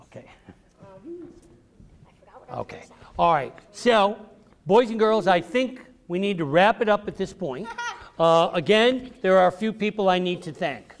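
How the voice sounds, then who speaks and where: His high-pitched, animated voice moves at a measured pace with frequent pauses. A visiting author, he's teaching a group of children in a public library room, speaking directly to them and repeating questions and key phrases.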